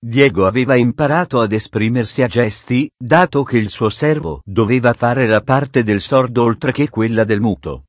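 A man narrating an adventure storybook in a steady, dramatic reading on a close studio microphone. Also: medium pitch, moderate pace, hardly any pauses, no echo. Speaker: audiobook narrator.

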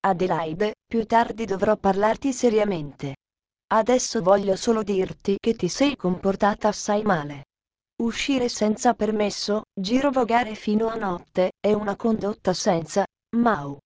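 A woman's voice: medium pitch, takes it slowly, no echo, close to an everyday voice. A woman voicing a stern female governess in a storybook reading, speaking coldly and threateningly. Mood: coldly menacing. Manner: cold, threatening, then furious.

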